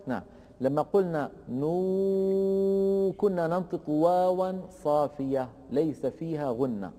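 A male Quran teacher explains recitation rules slowly and with care. His voice sits a little high but sounds mellow and warm. He stops to chant each verse example in a long, drawn-out way, and a long reverb follows every word. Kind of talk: tajweed lesson with recited examples.

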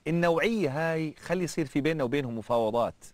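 A male preacher, telling a story in a sermon with an animated, fervent delivery and colloquial asides. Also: a little high, rapid-fire, no room sound.

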